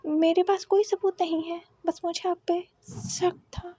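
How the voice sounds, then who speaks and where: A woman voicing a composed male company president who speaks calmly. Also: very high-pitched, measured pace, no echo.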